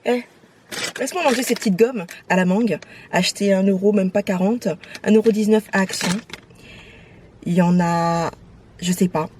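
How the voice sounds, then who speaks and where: A young woman vlogging casually from her phone while out and about, animated and outspoken, slipping between French and English. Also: mid-range voice, moderate pace, long pauses, background noise. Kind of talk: casual vlog chat.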